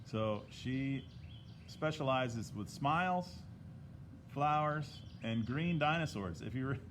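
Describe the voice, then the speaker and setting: A man in the middle pitch range talks loosely through a live drawing lesson, recorded on a tablet microphone. He chats with viewers by name as he goes. A faint hiss sits under the voice. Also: animated, slow, a bit bright. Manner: chatty, greets viewers by name mid-lesson.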